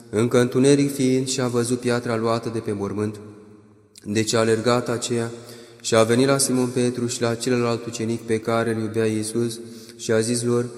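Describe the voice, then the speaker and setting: A solemn man reads scripture in a measured liturgical way, with lines that drift into chant. His pitch stays flat and even. The sound is roomy, with a long hall reverb trailing each phrase. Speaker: scripture reader.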